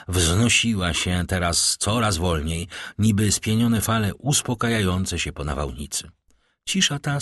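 Deep husky man narrating a novel. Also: a bit bright, dry recording, studio quality. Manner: measured dramatic reading. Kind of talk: audiobook narration.

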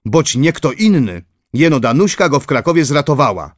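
A man reading aloud, voicing a lively noblewoman who speaks briskly with a raised voice. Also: medium pitch, dry recording, clean studio sound, voice pushed up. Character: lively noblewoman, a duchess, warm-hearted.

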